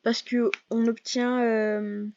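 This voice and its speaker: A woman's voice: fairly high pitch, flat delivery, takes it slowly, a little mellow, dull audio, slight background noise. A woman giving casual, hesitant commentary over her gameplay, full of fillers and self-corrections. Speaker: gaming video creator.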